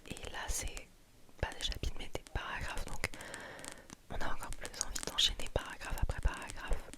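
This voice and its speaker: A woman whispers throughout in a breathy, unvoiced library hush. She speaks softly and very close to the microphone, in the style of an ASMR reviewer recommending books. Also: normal speed.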